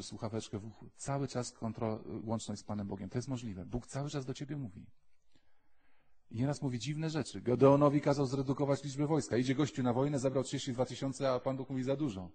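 A man, a priest, giving a lively sermon to a live audience, acting out little dialogues in quoted voices and then dropping to quiet, earnest urging. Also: mid-range voice, slightly rough.

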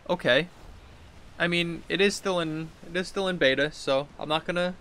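A man in his thirties with a voice on the high side, pushed and bright, talks at a moderate pace as a gaming video host. His commentary is casual and rambling as he talks to himself and reads quest text aloud, with clear background noise and game ambience.

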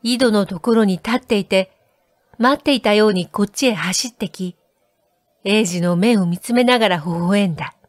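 Calm woman reading a novel aloud. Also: medium pitch, no echo. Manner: calm, measured. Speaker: audiobook reader. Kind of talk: literary audiobook narration.

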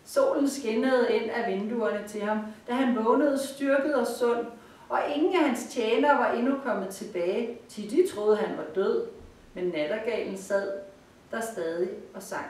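A woman reading a fairy tale aloud in a calm, measured storytelling manner, in a cosy room. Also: a little high. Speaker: reader. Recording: roomy, far from the mic.

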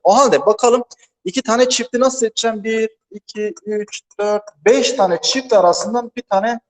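A man teaching a math lesson alone in a large empty classroom, explaining step by step and checking in with his students, his voice echoing heavily off the walls. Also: high-pitched. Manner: patient step-by-step explaining, keeps asking "right, friends?". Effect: strong echo of a big empty room. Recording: echoey empty hall.

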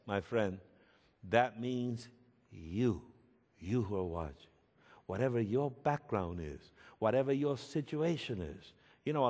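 Slow, emphatic preacher man in a hall. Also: mid-range voice. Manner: storytelling preacher, slow and emphatic, rising to shouts. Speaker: pastor. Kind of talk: sermon. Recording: echoey hall with long reverb.

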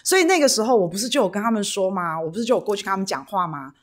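Racing along in an expressive mid-range voice, this Taiwanese woman chats through her relaxed political livestream. She drifts from point to point using fillers and tag questions, calls out viewers by name, and reads donations aloud.

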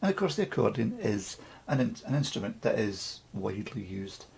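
A man's voice: fairly low pitch, big pitch swings, moderate pace, gravelly, a little mellow. A Scottish man chatting wryly through a casual home recording tutorial. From Scotland. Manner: chatty and wry, with asides and self-mocking jokes.

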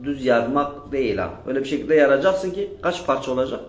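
A man's voice: medium pitch, lively intonation, quick pace. Man teaching, quizzing his class. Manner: drills students with repeated questions. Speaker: Arabic grammar teacher. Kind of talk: classroom lesson with question and answer. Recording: echoey room.

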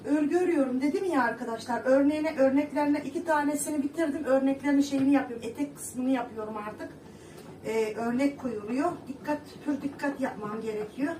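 A chatty, middle-aged woman talks to her viewers from her kitchen. Her voice sits high and rambles along with plenty of fillers. The recording is echoey and distant, with steady background noise. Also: fairly quick. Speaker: vlogger. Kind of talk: casual chat to viewers. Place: home kitchen.

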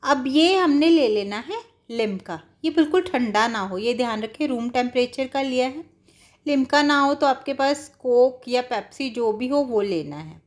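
A woman, a home cook, walks viewers through a recipe step by step in a casual, direct manner. Her voice is high and expressive, at a moderate pace.

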